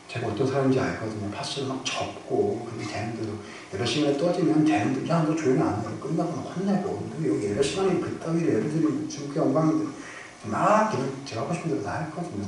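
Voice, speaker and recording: A male pastor preaching a storytelling sermon, moving between loud bursts and hushed near-whispers. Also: medium pitch. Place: church sanctuary. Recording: very echoey hall, from far off, noisy.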